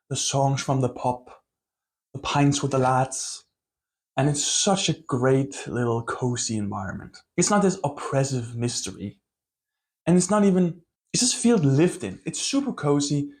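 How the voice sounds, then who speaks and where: A man giving a casual, conversational book review, softening his points with small qualifiers and joking at his own expense. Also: medium pitch. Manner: conversational, full of hedging qualifiers like "kind of" and "a little bit"; self-deprecating asides.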